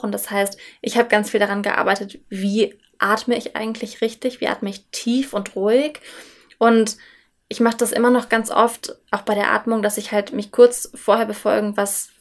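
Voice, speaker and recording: A woman in a relaxed podcast conversation, speaking reflectively and at length about her nerves. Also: medium pitch, normal speed. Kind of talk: casual conversation.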